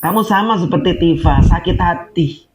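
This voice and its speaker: A man's voice: high-pitched, moderate pace, darkish tone. A man ranting to camera as an online commentator, scolding with sarcastic rhetorical questions. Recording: dull lo-fi audio.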